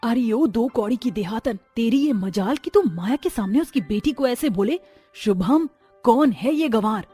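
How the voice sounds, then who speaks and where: A haughty modern mother-in-law, as a woman voices her, scolds in a scornful, somewhat raised voice. Soft music sits behind this cartoon narration. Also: a little high, lively intonation, normal speed, husky.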